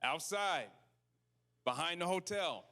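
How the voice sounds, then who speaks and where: A man's voice: sits high, animated, slow pace, bright, forceful tone. A man hosting a live event, speaking casually to the audience and often checking in with short questions. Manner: conversational, asks the audience questions, tags sentences with "right?". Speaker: event host.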